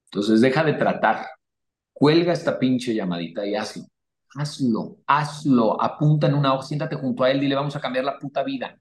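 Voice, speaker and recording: A man giving blunt, profane motivational advice to a caller, forceful and animated. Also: medium pitch, brisk, reverberant. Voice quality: crude, swearing, forceful and animated.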